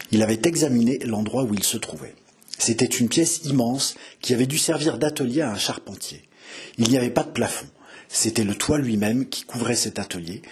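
Give me a man with a very raspy voice narrating a dramatic audiobook. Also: mid-range voice. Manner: dramatic, builds intensity.

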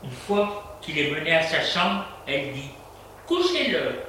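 A man reading a story aloud in a measured, plain narrating manner. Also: fairly high pitch, pushed and bright, a little hiss or hum.

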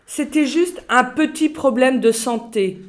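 A woman reading the lines of a gentle, timid young boy in her own voice. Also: sits high, measured pace, voice pushed up. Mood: earnest.

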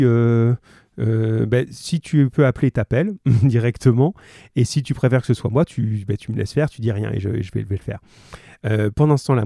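A man teaching a class over a computer microphone, encouraging his pupils and stopping often to hesitate and restart. His voice is very dark and mellow, his pitch lively, and the sound is close and dry. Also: no echo. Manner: friendly, encouraging, hesitant with many fillers. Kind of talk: online class read-aloud and discussion.

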